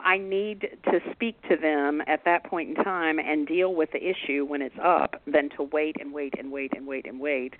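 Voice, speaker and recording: Man, fairly high voice, reflective conversational radio co-host, tinny phone sound. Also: no room sound. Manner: reflective, conversational, quick to affirm and laugh along. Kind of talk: casual spiritual talk radio chat.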